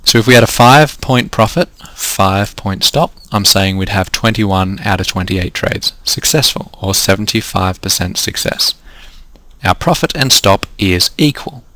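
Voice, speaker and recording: In this screen-recorded trading lesson, an Australian coach goes through the numbers one step at a time while his voice gives out. His voice is lowish, pushed and bright, his pace unhurried, and there's no room sound at all.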